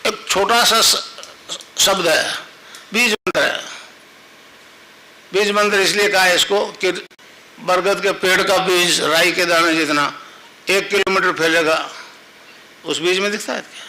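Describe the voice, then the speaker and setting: A man's voice: high voice, fairly even intonation, measured pace, pauses often, pushed and bright, low-quality recording. An older man, a spiritual teacher giving a discourse to a live gathering, explaining with repetition and chanting mantras rhythmically. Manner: explains with repetition and questions to the crowd.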